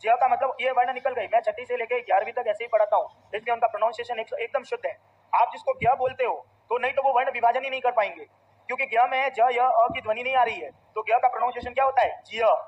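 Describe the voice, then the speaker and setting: A man's voice: very high voice, fairly even intonation, fast talker, husky. A male teacher with a Rajasthani Hindi accent, giving a classroom grammar lesson, repeating points and answering his own questions. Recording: dull lo-fi recording.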